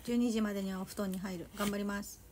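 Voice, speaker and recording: A Japanese woman in her twenties from Toyama, an idol livestreamer, chats casually with viewers, teasing them in a playful, pouty way and referring to herself by a nickname. Her mid-range voice is fast, fairly even in intonation, and darkish in tone. There is slight background noise.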